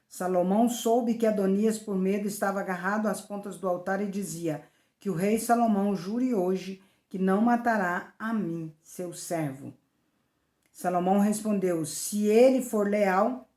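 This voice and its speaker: Woman reading scripture in a roomy space. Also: medium pitch. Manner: measured, expressive reading with small self-corrections. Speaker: missionary. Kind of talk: daily Bible reading aloud. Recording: roomy echo.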